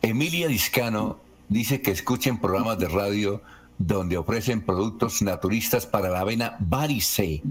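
Low-voiced radio host. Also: male voice, husky. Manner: brisk, announces the time. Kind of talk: reading listener questions on air.

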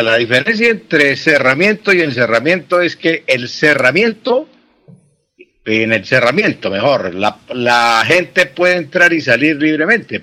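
Man, radio language expert, bright tense voice, patient, repeats himself. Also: mid-range voice. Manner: patient, repetitive, explanatory. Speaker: language expert answering listener questions. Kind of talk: radio call-in explanation.

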